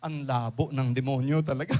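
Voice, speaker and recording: A man with a Filipino accent preaching a sermon, swinging from hushed asides to loud exclamations and mixing English phrases into his talk. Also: mid-range voice, steady tone, normal speed.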